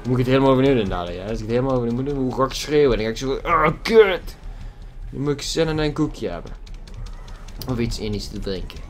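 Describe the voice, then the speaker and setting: A man's voice: medium pitch, very fast, a little mellow, faint music behind. A man giving casual gameplay commentary at his computer, swearing a lot with exaggerated frustration. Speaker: gaming YouTuber. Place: at a computer desk with a loud keyboard. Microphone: desk microphone.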